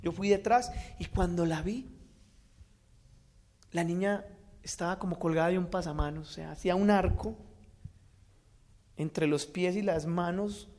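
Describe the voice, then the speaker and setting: A man gives an earnest religious testimony, shifting between loud and hushed. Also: high-pitched, measured pace, long pauses. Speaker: speaker giving a testimony.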